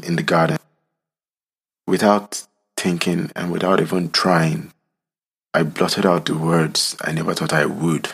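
A man, from Nigeria, telling his own story in slow, solemn, reflective narration. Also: sits low, gravelly, husky. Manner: slow, solemn, deliberate delivery.

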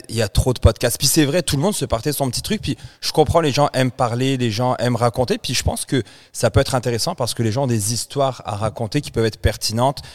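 A man's voice: mid-range voice, darkish tone. Chatty French-born man co-hosting a podcast. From France. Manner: chatty, rambling, frequent restarts. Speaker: podcast co-host. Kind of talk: casual chat.

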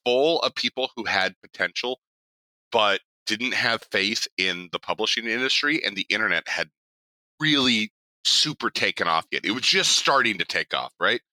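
A young man co-hosting a podcast in casual chat, animated and laughing, with quick swearing asides. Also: on the low side, no room sound, low-quality recording. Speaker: podcast co-host.

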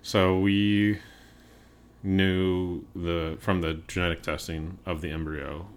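A young man hosting a podcast in casual chat, rambling with many fillers and getting loud when emphatic. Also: low-pitched, level tone, slow, clean tone. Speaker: podcast host.

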